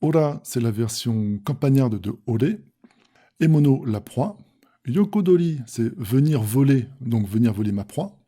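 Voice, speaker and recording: Mellow, husky-voiced male language teacher. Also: mid-range voice, animated, measured pace. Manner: reads Japanese lines aloud, then explains them; patient, methodical explaining. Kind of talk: explanatory lesson on manga text.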